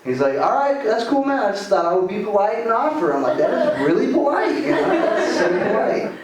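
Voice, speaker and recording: A man's voice: sits high, big pitch swings, brisk. Man doing stand-up in an echoey club. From Arizona. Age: 20s. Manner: loose, rambling delivery with lots of "like" and "man". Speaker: stand-up comedian. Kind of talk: stand-up comedy set. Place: comedy club stage. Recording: echoey room, voice from far off, audible room noise.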